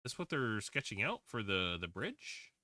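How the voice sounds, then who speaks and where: Rambling through a casual livestream chat while he plays a game, a twenty-something man leans on fillers and keeps restarting sentences. His fairly low, sing-song voice sounds pushed and bright at a moderate pace, captured in a clean, dry studio recording.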